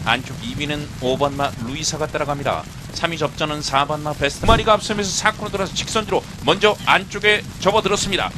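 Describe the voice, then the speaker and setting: A man calling a horse race, rattling off horse numbers and names in quick play-by-play. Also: a little high, background noise. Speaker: race caller.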